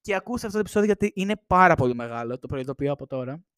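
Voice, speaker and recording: A man's voice: on the high side, animated, fairly bright tone, clean tone, no echo, studio quality. A young man hosting a podcast, chatting casually and rambling with frequent laughs, indoors at home on a shared microphone. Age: young adult. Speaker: podcast host. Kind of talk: casual chat. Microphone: shared single microphone.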